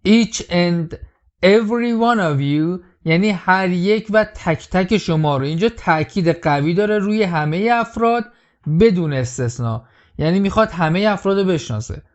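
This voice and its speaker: A man with a fairly high voice teaches English in a patient, explaining tone, and he says the key phrases slowly and carefully. The recording sounds a little dull and lo-fi. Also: animated. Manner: repeats English lines slowly, then explains them. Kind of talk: explaining film lines in a language lesson.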